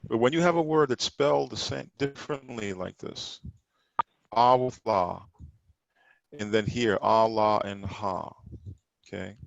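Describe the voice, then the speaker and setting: A man's voice: lowish voice, unhurried, creaky, pauses often, dry recording, highs cut off. A man teaching a Sabbath study class, explaining pronunciation emphatically and repeating points to drive them home. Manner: explanatory, emphatic, repeats words while correcting others' pronunciation.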